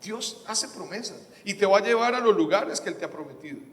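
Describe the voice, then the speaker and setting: A man preaching a sermon, animated and swinging from loud bursts to hushed asides. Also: high voice, brisk, a little hiss or hum. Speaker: pastor. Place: church hall. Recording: echoey church hall with faint music.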